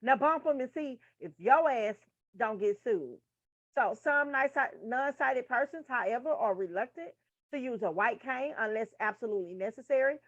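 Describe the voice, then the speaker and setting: This nursing tutor's fairly high voice is animated and moves at normal speed as she delivers a frank, casual lesson laced with profane comments for her audience. It's a dry recording with dull lo-fi audio.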